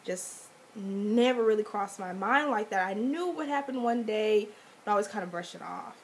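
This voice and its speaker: A young woman talks casually to her webcam, offering advice in a congested voice with a stuffy nose. Her pitch is middling for a woman. Faint noise sits behind her in the indoor recording. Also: normal speed. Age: young adult. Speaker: vlogger. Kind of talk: casual advice vlog to camera. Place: small indoor room. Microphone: webcam or laptop mic at arm's length.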